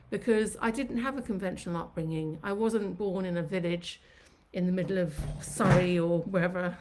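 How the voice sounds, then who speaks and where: Broadcasting live from her kitchen on her own channel, a woman in her fifties from Sri Lanka chats reflectively about her life, reminiscing at length. She speaks at medium pitch with a somewhat dark tone.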